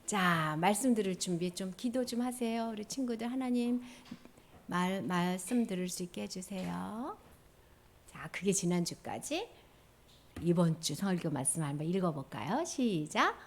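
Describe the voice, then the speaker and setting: A woman giving an animated children's sermon, quizzing the children as she retells the story. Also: on the low side, unhurried, a little hiss or hum. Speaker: children's pastor.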